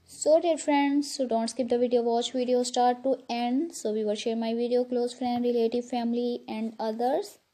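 A woman's voice: fairly high pitch, fairly even intonation, moderate pace, hardly any pauses, warm tone. A woman narrating a showcase as a channel host, in effusive, repetitive phrasing.

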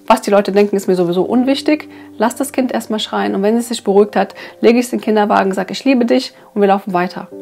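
A woman's voice: medium pitch, darkish tone. A woman talking earnestly and casually to her viewers, explaining parenting advice with frequent hesitations. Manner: earnest, hesitant with many fillers. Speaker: parenting vlogger reviewing a book.

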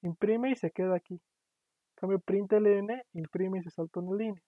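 Speaking in a high voice at a moderate pace, a male university lecturer patiently walks students through programming in an online lecture, checking in with them often. The sound is tinny, dry and phone-like, with no room sound.

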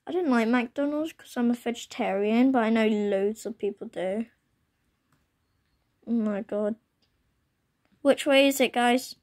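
A young woman who hosts a gaming channel chats casually while playing a computer game, filming her laptop screen with a handheld phone at home as rain falls outside. Her croaky voice is a little high, and she's chatty and exclaims often.

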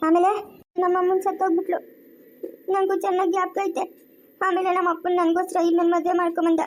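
A woman playing a mistreated young village woman with a rural Chikkaballapur Kannada accent, telling her story softly and haltingly through tears in a homemade family skit. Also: very high-pitched, flat delivery. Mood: tearful. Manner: soft, halting, tearful storytelling.

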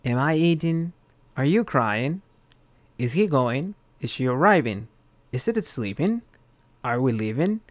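A man giving a recorded English grammar lesson, explaining in Spanish and reading English examples slowly and carefully. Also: medium pitch, expressive, no room sound. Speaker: English teacher.

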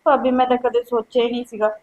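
A woman's voice: a little high, level tone, fast talker, phone-quality sound, close to an everyday voice. An actress playing a frightened young woman who pleads with her sister-in-law, with a Punjabi accent. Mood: pleading. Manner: pleading, defensive. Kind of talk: village web-series drama.

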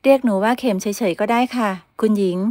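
Casting: woman voicing a meek young orphan woman, polite and soft-spoken, high and dry. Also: fast, no room sound, natural voice.

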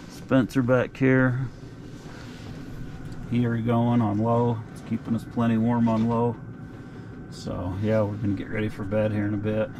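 A middle-aged man giving relaxed, folksy updates in a casual outdoor vlog, recorded on a camera mic. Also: lowish voice, gravelly, noisy background. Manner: laid-back, folksy updates. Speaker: outdoor vlogger. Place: frozen lake outdoors and inside an ice-fishing tent.

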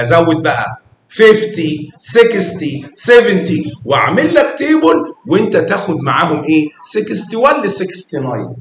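Lively Egyptian man teaching young kids. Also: sits high, echoey room, slight background noise. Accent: Egyptian Arabic. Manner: animated and coaxing, praising and quizzing pupils. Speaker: math teacher. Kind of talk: classroom teaching to young children.

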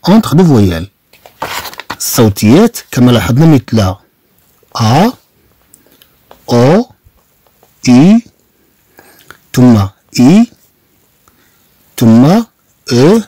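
A man with a Moroccan Arabic accent teaching French to beginners, repeating each word slowly and spelling out its sounds. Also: medium pitch, very animated, dark tone, husky, no echo. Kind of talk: online language lesson.

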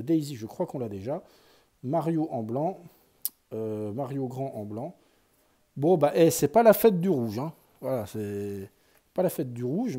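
Husky, mellow-voiced man chatting casually. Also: medium pitch. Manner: chatty, thinks aloud, lots of fillers and sighs. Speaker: YouTuber opening sticker packs. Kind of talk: casual running commentary.

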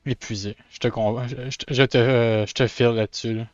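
A man's voice: medium pitch, steady tone, a little fast, dry recording, dull audio. A man with a Québécois French accent chatting casually on a live stream while drawing, often stammering and restarting, with English words mixed in.

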